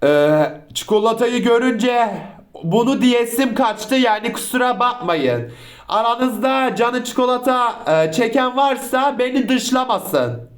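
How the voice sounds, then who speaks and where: A man's voice: very high-pitched, expressive, slow pace. A man chatting casually as the host of a reaction video. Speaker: YouTube host.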